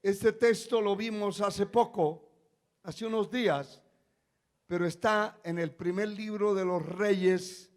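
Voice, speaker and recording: A male pastor preaching a sermon, moving from quiet asides to shouted proclamations and acting out the cries of people in the story. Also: high-pitched, slow. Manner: acts out quoted cries of a frightened servant.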